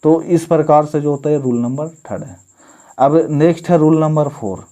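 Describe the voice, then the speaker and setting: A man's voice: fairly high pitch, mellow, highs cut off. A man from India, teaching an English grammar lesson and reading word lists out one at a time. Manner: explains slowly, reads word lists out one by one. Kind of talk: classroom-style grammar lesson.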